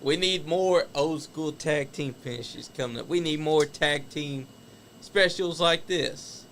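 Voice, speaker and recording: A man's voice: a little high, takes it slowly, fairly bright tone, slight background noise. A man hosting a casual wrestling talk show, commenting on old match footage in an opinionated, chatty way. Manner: chatty, opinionated, laughs at stories. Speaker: host.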